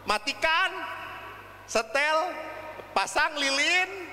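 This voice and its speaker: Lively high-voiced priest preaching. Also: male voice, drawn-out words. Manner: lively storyteller acting out dialogue. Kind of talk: sermon with humorous anecdotes. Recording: long reverb of a large hall.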